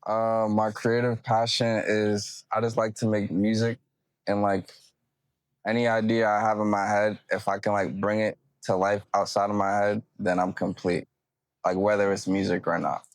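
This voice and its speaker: A man with a low, very flat voice talks haltingly, leaning on filler words. The recording is dry. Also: dry recording. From Massachusetts. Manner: mellow, hesitant, many fillers. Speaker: musician. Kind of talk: casual interview answers.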